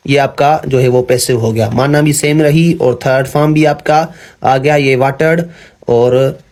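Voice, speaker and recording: A young man teaching English grammar in a patient classroom style, often pausing with fillers and correcting himself. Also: mid-range voice, fairly even intonation, a little mellow. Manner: patient, repeats "ठीक है", frequent fillers and self-corrections.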